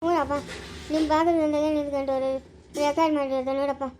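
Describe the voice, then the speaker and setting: A folksy village uncle with a drawl, played by a woman, speaking rural Chikkaballapura Kannada. Even though it is meant as a man, the voice stays very high and thin. He sounds calm and unhurried in this homemade family skit. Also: slight background noise, natural voice. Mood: explaining. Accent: Kannada, Chikkaballapura rural speech. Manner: folksy, drawling, calls others "appa".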